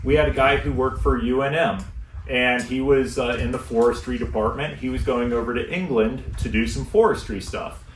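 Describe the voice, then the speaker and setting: An American man, a luggage store instructor, giving a relaxed, chatty packing seminar to a live audience in a shop. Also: medium pitch, normal speed. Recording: echoey room, mic at a distance, faint noise.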